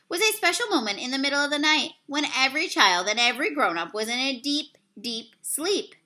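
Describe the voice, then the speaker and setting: Sitting before a plain wall in a small room at home, a young teacher with a fairly high voice reads a children's story into her webcam from desk distance. She tells it expressively, rising and dropping to a hush for suspense, and stops to correct slips and apologize when she loses her place.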